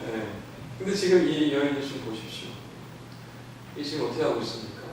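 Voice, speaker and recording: Animated pastor preaching in an echoey church. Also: male voice, medium pitch, brisk, noisy background. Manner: animated, acts out quoted voices, asks the congregation questions. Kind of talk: sermon. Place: church sanctuary. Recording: echoey church from a distant mic.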